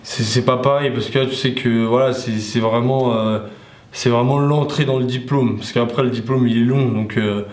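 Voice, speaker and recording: A man's voice: medium pitch, fairly even intonation, moderate pace, a little mellow. Hesitant young man, echoey room. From Paris region. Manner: hesitant, many restarts and fillers. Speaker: ski instructor trainee. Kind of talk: documentary interview. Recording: echoey room with faint noise.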